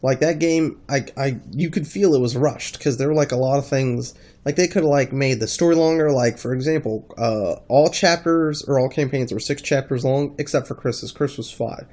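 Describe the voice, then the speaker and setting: Guy with a stuffy nose chatting about games, rambly n halting, kinda casual vlog talk. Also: mid-range voice, a little mellow. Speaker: gaming video creator.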